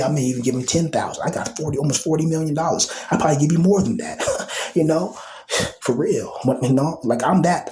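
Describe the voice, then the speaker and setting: A man in his thirties rambles casually in a vlog, his medium-pitched voice carrying a darkish tone over a faint hiss or hum. His talk is loose and full of slang, fillers and repeated phrases, and now and then he drops to a whisper.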